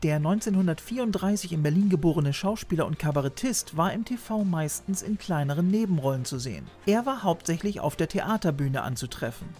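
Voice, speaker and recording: With faint music underneath, a man in his thirties talks a little fast and barely pauses, his voice on the high side, expressive and slightly mellow. He's the host of a retro TV channel, narrating a scripted, informative piece about voice actors sprinkled with chatty, playful asides. He sits at a boom-arm studio mic in a small room lined with shelves of videos and toys.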